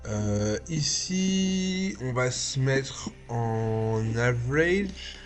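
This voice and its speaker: A man in his thirties with a slight lisp, giving a casual, step-by-step software tutorial and thinking aloud. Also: medium pitch, expressive, drawn-out words, faint music behind. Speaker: tutorial host, video artist and VJ. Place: small indoor home studio.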